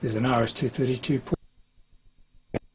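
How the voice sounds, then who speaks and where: Slowly and with fairly even intonation, an Australian amateur television operator and presenter explains an unscripted technical demonstration in his mid-range voice. He sounds hesitant and matter-of-fact, and the lo-fi audio is dull with clear hiss.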